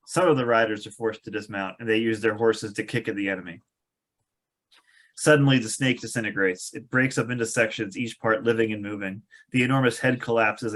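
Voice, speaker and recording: This is a man with a lowish, slightly bright voice, reading stage directions from a screenplay at a table read. His manner is amused and sardonic, and he adds wry asides as he goes through the film script.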